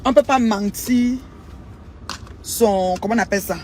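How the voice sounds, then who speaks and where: A woman's voice: a little high, measured pace, a little mellow. A woman records a casual vlog monologue outdoors as a social media commentator. She talks emphatically and repeats her points over and over, calling her listeners "maman." Faint traffic noise sits in the background. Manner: emphatic, repetitive, keeps addressing listeners as "maman".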